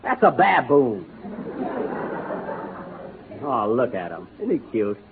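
A man's voice: medium pitch, sing-song, slow pace, vocal fry, very noisy, full character voice. A man playing a brash, wisecracking male explorer in a 1930s radio comedy, full of puns. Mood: cocky. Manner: wisecracking, punning. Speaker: comic lead. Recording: tinny lo-fi 1930s radio broadcast, studio audience.

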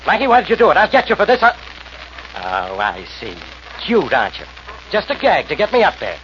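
Sarcastic homicide inspector: high, animated, blustering, old radio crime show. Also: male voice, quick pace. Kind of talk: 1940s radio acting. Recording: dull old radio recording, faint noise.

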